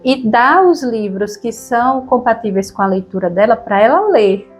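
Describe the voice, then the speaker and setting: A woman with a Brazilian Portuguese accent co-hosting a relaxed conversation about reading aloud to children, often tagging her sentences with questions. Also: fairly high pitch, normal speed, slightly rough, soft background music. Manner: relaxed, chatty, frequent tag questions. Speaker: podcast co-host.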